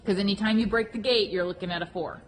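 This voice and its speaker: A woman's voice: mid-range voice, quick pace. A woman riding instructor giving informal lesson feedback, explaining frankly and repeating key points with emphasis. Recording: reverberant hall with clear background noise.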